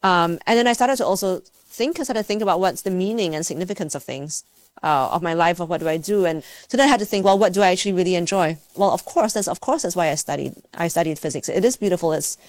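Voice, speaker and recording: This interview guest, a Malaysian woman who is both a scientist and a university teacher, has a lowish voice in a dry recording. She reflects aloud in a conversational way, pausing and searching for words.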